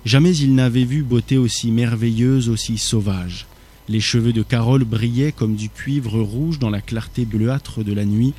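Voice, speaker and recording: A man reading a thriller aloud as narrator, steady with small slips. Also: medium pitch, normal speed.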